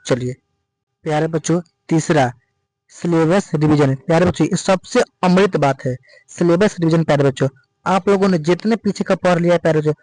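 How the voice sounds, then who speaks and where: A man's voice: a little high, darkish tone, no echo, poor audio. A male teacher giving an exam-prep lecture, urging students and calling them dear children in nearly every sentence.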